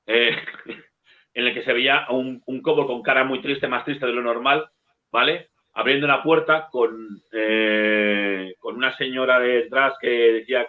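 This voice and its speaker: Middle-aged guy from telling stories, cussing, sounds like a phone line. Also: mid-range voice. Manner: lively storyteller, swears casually. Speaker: bookseller and guest. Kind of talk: casual anecdote telling.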